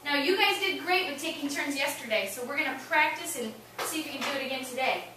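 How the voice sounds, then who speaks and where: A woman's voice: high voice, expressive, fast talker. A woman teacher with a kindergarten teacher voice, giving young children simple directions and praise in a classroom. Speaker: elementary school teacher. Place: indoor classroom. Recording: echoey noisy classroom, distant mic with clicks. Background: classroom noise with children.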